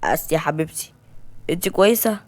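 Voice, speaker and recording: A woman's voice: low voice, quick pace, darkish tone. A woman voicing a protective young man in an Egyptian Arabic accent, earnest and pleading. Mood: worried.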